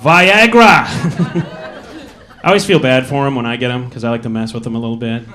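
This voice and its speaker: A man with an Upper Midwest American accent doing a stand-up routine on a comedy club stage, telling dry, wry stories with quick asides. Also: medium pitch, sharp tone.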